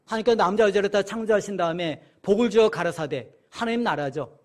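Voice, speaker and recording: A man teaching a Bible study sermon. He keeps asking his listeners questions and answering them, and he reads scripture passages slowly and more loudly. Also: high voice. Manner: addresses listeners often, asks and answers questions.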